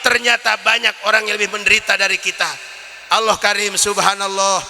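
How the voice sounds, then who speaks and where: A man's voice: high-pitched, level tone, a little fast, vocal fry, pushed and bright. A man, preaching a sermon full of jokes and stories. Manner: joking storyteller, shifts between Indonesian and Sundanese. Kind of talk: comic religious sermon. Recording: reverberant hall.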